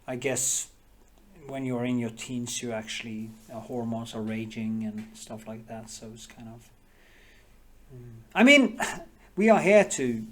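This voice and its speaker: A man's voice: mid-range voice, a little slow, fairly bright tone. Middle-aged male painter, Norwegian accent, casual rambling teaching chat with frequent restarts. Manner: rambling, candid, many restarts and trailing phrases. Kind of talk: casual reflective talk while painting.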